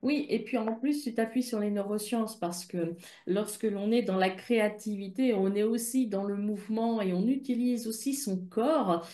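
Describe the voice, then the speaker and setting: A woman with a French accent hosting a podcast, talking gently and guiding listeners. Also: medium pitch, normal speed. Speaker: podcast host. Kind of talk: casual podcast interview. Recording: roomy echo.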